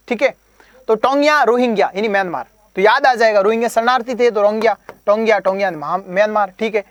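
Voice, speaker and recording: With a medium-pitched voice and no room sound, a coaching teacher delivers an exam prep lecture, quizzing the audience, repeating terms to drill them in, and offering playful mnemonics.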